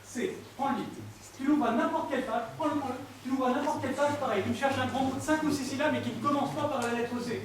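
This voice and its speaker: On a theater stage before a crowd, a high-voiced male mentalist moves fast through his routine, bantering playfully with the volunteers he calls up. The mic picks him up from afar, so the heavily reverberant hall and its ambience come through, along with slight background noise.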